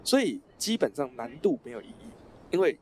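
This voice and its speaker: A man's voice: very animated, fairly quick. A man with a Taiwanese Mandarin accent explains things in a casual educational discussion, emphatic and repeating himself to drive points home. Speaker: podcast co-host explaining exams. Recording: noisy with low rumble.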